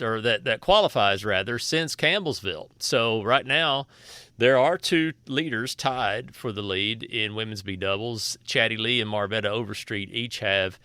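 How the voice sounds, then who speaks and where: A man's voice: mid-range voice, bright, forceful tone, clear, resonant tone, no echo. A man hosting a casual podcast, folksy and joking, with a slightly sore throat. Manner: joking, folksy, loose with restarts. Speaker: podcast host.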